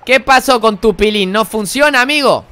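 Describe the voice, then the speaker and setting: A man's voice: normal speed, sharp tone, a little hiss or hum. A man in his twenties with an Argentine accent, teasing and mocking other players in casual voice chat while gaming. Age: 20s. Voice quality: high-pitched voice. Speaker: gaming streamer.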